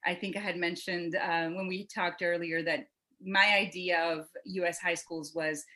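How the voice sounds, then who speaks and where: A woman in her thirties from Venezuela, a native Spanish speaker, telling her life story in a relaxed, chatty way as a podcast guest. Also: lowish voice, unhurried, poor audio. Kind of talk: casual interview storytelling.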